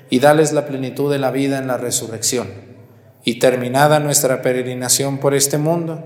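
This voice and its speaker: Solemn priest with cathedral echo. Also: male voice, medium pitch. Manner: measured, solemn recitation. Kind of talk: liturgical prayer at Mass. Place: large church during Mass. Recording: long echo of a large church hall.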